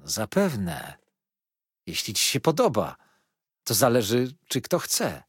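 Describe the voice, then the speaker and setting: A man's voice: medium pitch, wildly swooping pitch, slow, breathy edge, dry recording, clean studio sound, exaggerated voice. A man voicing a kindly plump old-fashioned nursemaid. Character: kind plump middle-aged nursemaid woman.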